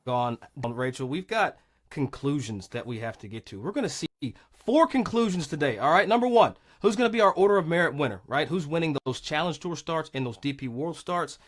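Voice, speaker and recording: A man hosting a live golf tour broadcast, energetic and folksy as he lays out the day's storylines. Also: fairly high pitch, fairly quick. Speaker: host.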